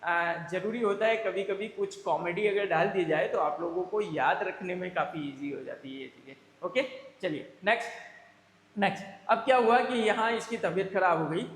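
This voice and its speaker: A man's voice: high-pitched, moderate pace. A male teacher giving a playful classroom lecture, teaching with comic memory tricks and calling his students "beta". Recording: echoey classroom with long reverb.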